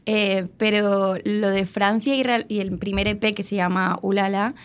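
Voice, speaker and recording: Speaking at a moderate pace in a clear, resonant, mid-range voice with fairly even intonation, a young woman from Alicante, Spain, chats as a musician guest in a casual interview. Her talk rambles, with many fillers and restarts.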